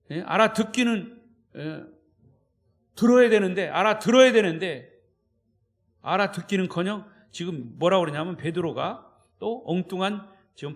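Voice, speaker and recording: A male pastor delivering an evening service sermon in a notably high voice. He preaches with emphasis and keeps turning to the congregation with short prompts to draw them in. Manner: emphatic, checks in with listeners with "예?".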